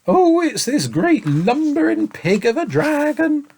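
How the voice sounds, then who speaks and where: A man voicing a tired, tearful little boy who pleads and sobs in a piteous, drawn-out way. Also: very high voice, huge pitch swings, vocal fry, pitched above the performer's own voice, exaggerated voice. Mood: sobbing.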